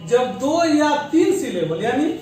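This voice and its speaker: Male teacher, high voice, patient syllable-by-syllable explainer, distant mic in a very roomy classroom. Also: big pitch swings, a little mellow, faint music behind. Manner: explains slowly, spells out words syllable by syllable; mixes English terms into Hindi. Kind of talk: grammar lesson. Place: school classroom. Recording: very echoey room, voice off-mic.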